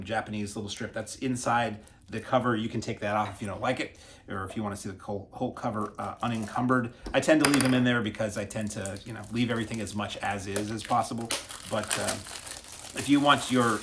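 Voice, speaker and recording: A man's voice: mid-range voice, a bit bright, slight background noise. A man hosting a casual unboxing video, chatty and self-deprecating as he stumbles over foreign names. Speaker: video host reviewing disc releases.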